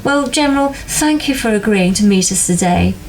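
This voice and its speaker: A woman's voice: medium pitch, lively intonation, normal speed, a little mellow, slight background noise, poor audio. A woman interviewing a retired general for a documentary, polite and formal.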